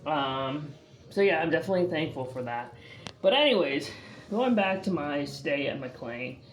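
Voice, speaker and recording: Talking casually into her camera, this northeastern US vlogger has a deep, animated voice at a normal pace. Her chatter wanders, full of fillers and false starts.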